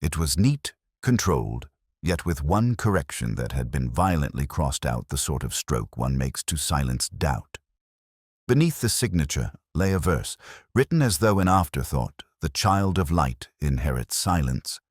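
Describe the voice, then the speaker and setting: Guy doing a gloomy brainy detective inspector narrating his case, super low voice, measured and literary, lots of up and down. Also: sing-song, slightly rough, no room sound, studio quality, heavily acted. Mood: brooding, reflective. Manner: measured, brooding, formal. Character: melancholy, cerebral English police inspector recounting a murder case.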